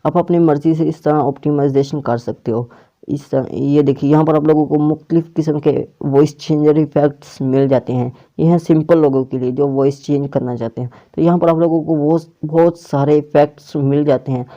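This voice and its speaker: Recorded on a muffled, lo-fi clip-on or plugged-in microphone, a man with a rather high, mellow voice gives a casual step-by-step app tutorial. He talks a little fast with fairly even intonation and keeps repeating and rephrasing his directions.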